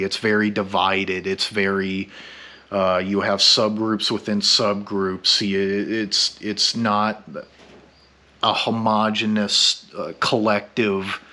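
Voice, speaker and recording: A drunk man rambling through a blunt, profane vlog monologue, halting and meandering, stammering over his words. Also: fairly low pitch, sharp tone. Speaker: YouTube vlogger.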